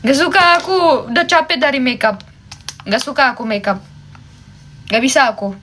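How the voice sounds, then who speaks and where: Doing makeup on a livestream, this host from Germany chats casually with her viewers and moves between languages as she talks. Her voice sits high and sounds fairly bright, with lively intonation, a moderate pace and slight hiss or hum.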